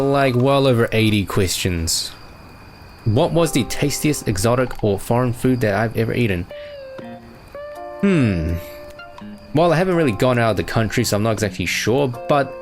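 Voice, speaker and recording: A young man chatting casually as he answers fan questions, easygoing and rambling with plenty of fillers. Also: mid-range voice. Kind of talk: casual chat. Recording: music playing behind.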